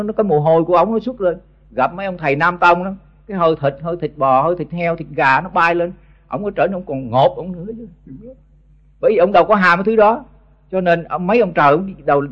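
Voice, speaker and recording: A man's voice: high voice, lo-fi sound. An older man with a Southern Vietnamese accent giving a blunt, scolding Buddhist sermon to monks, often stumbling over repeated words, on an old tape recording. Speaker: Buddhist monk teacher.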